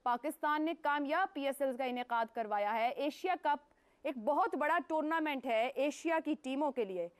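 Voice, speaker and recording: A woman anchoring a news talk show, putting formal, measured questions to her guests. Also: high voice.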